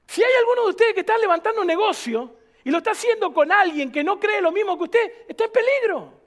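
A man's voice: very high-pitched, lively intonation, quick pace. A man, a pastor preaching emphatically to a church, firing off rhetorical questions. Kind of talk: sermon.

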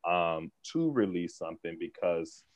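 A man speaking as a podcast guest, an animated storyteller who laughs often and talks in quick bursts. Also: deep voice, no room sound. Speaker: guest, theater organization leader. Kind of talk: conversational podcast interview. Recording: dull lo-fi sound, dry.

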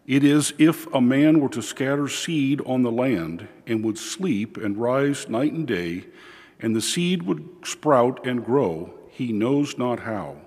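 A man serving as priest, reading the gospel and then preaching slowly and measuredly, his voice carried by a long cathedral-like echo in a large church. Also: medium pitch, slightly rough. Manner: slow and measured, with frequent "uh" fillers in the homily. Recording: reverberant church hall.

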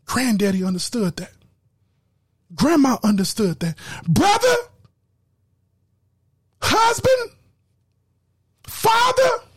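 A man preaching an impassioned sermon, shouting, stammering and repeating words as he drives his points home. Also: high voice, husky, no room sound, studio quality.

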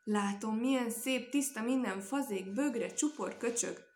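Woman doing kind polite hostess lady, flattering everyone, storybook reading, echoey room. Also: a little high, close to an everyday voice. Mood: gracious. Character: kindly gracious hostess, a housewife.

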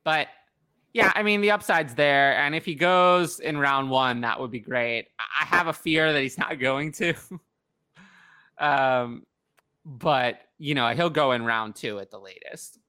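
A man co-hosting a casual sports talk show, chatting in an animated way. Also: medium pitch, unhurried, clear, resonant tone. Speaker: podcast co-host.

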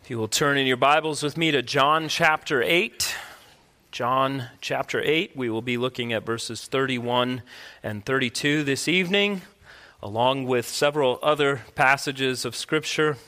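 Bright-voiced pastor at a pulpit microphone. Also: male voice, medium pitch, a little slow. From United States. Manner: earnest, emphatic preaching. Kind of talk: sermon. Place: church sanctuary.

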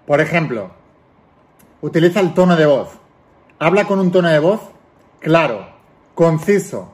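A man giving a motivational self-help lesson, speaking directly to the viewer and acting out examples. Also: on the high side. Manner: direct, addresses the viewer as tú, demonstrates voices.

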